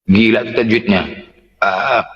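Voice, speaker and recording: A man preacher, telling a story in a casual, animated way, often chuckling. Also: fairly low pitch, a little slow, highs cut off.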